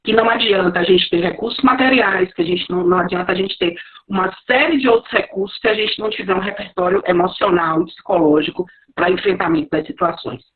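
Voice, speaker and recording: A woman's voice: fairly low pitch, fast talker, slightly rough, phone-quality sound. A woman speaking reflectively over a video call whose audio stutters and cuts out, often ending phrases with tag questions. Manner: reflective, repeats words, frequent tag questions. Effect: call dropping out, speech stuttering and cutting. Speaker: mental health professional at a care center. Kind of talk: live video call interview.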